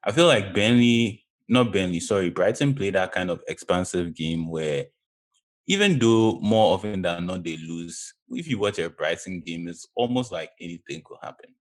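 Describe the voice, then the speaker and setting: A man's voice: deep voice, lively intonation, moderate pace. A man chatting casually about football as a panelist, emphatic and repeating phrases for effect.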